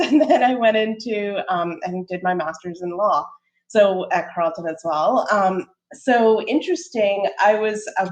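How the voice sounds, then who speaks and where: A woman's voice: medium pitch, dull audio. Friendly woman panelist on a video call. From Sri Lanka. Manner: friendly, many ums, laughs lightly. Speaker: panelist, startup co-founder. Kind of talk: casual panel talk.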